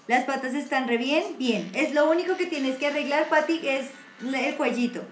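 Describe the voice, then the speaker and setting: A woman's voice: high voice, normal speed, roomy sound, slight background noise. A woman with a Colombian accent teaching a live online watercolor class, chatty and encouraging, full of diminutives. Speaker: painting teacher. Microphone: computer mic on a video stream.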